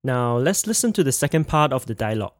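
Man, language teacher, scripted lesson narration, clear explanations, dry studio sound. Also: medium pitch, sing-song, dry recording. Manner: clear explanatory, reads example phrases slowly.

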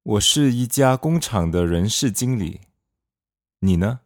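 Low-voiced man reading dialogue lines. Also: expressive, measured pace, darkish tone, no echo, clean studio sound. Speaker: dialogue speaker in a lesson. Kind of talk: scripted lesson dialogue.

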